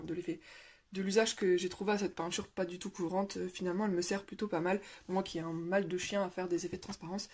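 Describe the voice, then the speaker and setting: A woman's voice: medium pitch, a little mellow, husky. A young woman chatting casually about her coloring pages, with lots of fillers and restarts. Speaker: coloring vlogger. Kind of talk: casual show-and-tell chat. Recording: faint background noise and clicks.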